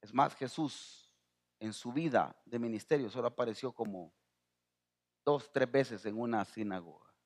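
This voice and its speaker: A middle-aged man from El Salvador with a Salvadoran accent, preaching a sermon as pastor, rising to near-shouting and calling out to the congregation. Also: mid-range voice, measured pace. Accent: Salvadoran Spanish.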